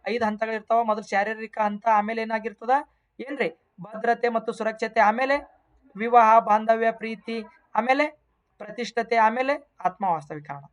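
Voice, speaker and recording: A woman exam coaching teacher with a North Karnataka Kannada accent goes over test answers emphatically, repeating key points and mixing in English terms. Her voice sits a little high.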